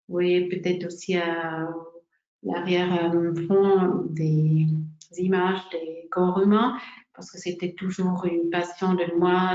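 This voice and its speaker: A woman in her forties giving an informal personal talk as a guest speaker, in halting, broken French with a non-native accent and unidiomatic wording. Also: on the low side, darkish tone. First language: not French, a second-language speaker. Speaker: guest speaker, massage therapist. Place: indoor room, online webinar. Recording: roomy, dull webinar audio.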